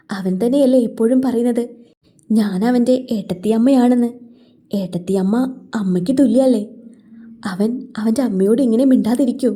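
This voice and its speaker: A woman's voice: fairly high pitch, mellow, natural voice. A woman voicing a hurt young wife who talks in a pleading, tearful way.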